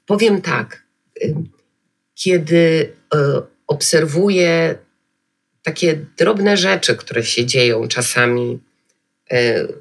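Husky, gravelly-voiced woman guest. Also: sits low. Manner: emotional, hesitant with many fillers. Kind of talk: podcast interview.

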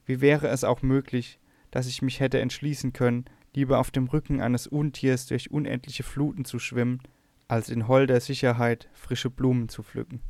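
Male audiobook narrator, measured myth reading, flat delivery, dry close mic. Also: medium pitch, no echo. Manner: even, measured reading, lifting the quoted speech slightly. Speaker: audiobook reader. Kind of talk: scripted narration of a classic myth.

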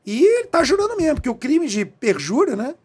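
Swearing, animated man telling a story. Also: extremely high pitch, brisk. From Brazil. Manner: profane, emphatic, animated. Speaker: guest, federal police chief. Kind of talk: animated storytelling in a podcast interview.

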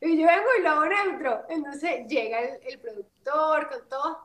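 A woman's voice: sits high, moderate pace. A woman in her thirties from Venezuela, telling stories in a casual interview and acting out the quotes. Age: 30s. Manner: animated storytelling, acts out quotes. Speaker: guest, actress and voice-over artist. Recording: roomy echo.

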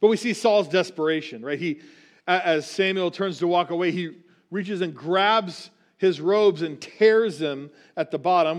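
Man, preacher, conversational sermon, slightly high voice, rhetorical asides. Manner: casual, with frequent rhetorical "right?" asides.

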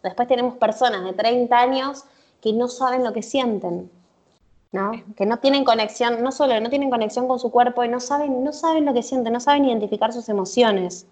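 A woman's voice: a little high, brisk, darkish tone. Rioplatense woman explaining, full of fillers. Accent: Rioplatense Spanish. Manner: explains with many fillers and tag questions. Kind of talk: casual conversational explanation.

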